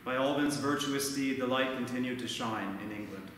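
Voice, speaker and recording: A man in his thirties, a priest giving a measured, earnest sermon at a lectern, recorded from far off in a large church. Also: mid-range voice, a bit bright, heavy reverb, big-room sound, slight background noise. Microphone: far camera, no mic seen.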